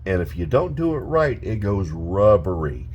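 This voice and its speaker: A man's voice: low-pitched, sing-song, moderate pace, darkish tone, muffled recording, slight background noise. A man hosting a casual cooking tutorial from his home kitchen, chatty and talking straight to his viewers. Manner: chatty, keeps addressing viewers as guys. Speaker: cooking channel host.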